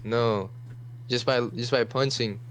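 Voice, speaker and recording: A young man with a mid-range voice makes his case in a casual chat, insistent and halting, stumbling through restarts as he goes. A faint hum runs behind him. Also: medium pitch, fairly even intonation, fairly bright tone, low-quality recording.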